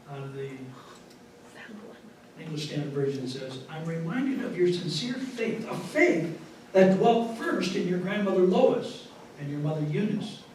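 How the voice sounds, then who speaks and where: High-ish guy preaching, lively storytelling with loud bursts, far off mic in a super echoey church. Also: slight background noise. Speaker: pastor. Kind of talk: sermon. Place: church sanctuary.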